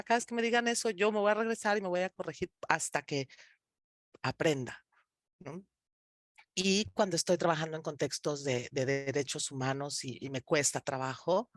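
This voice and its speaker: A woman's voice: sits low, no echo. Female interpreter guest, dry close sound, informal explaining, frequent tag questions. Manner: conversational, seeks agreement with tag questions.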